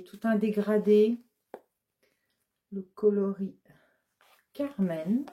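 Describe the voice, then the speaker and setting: Slow, mellow-voiced woman showing off yarn. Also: mid-range voice. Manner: hesitant, many fillers, listing colors one by one. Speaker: yarn shop owner presenting her new colorways. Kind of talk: casual product show-and-tell.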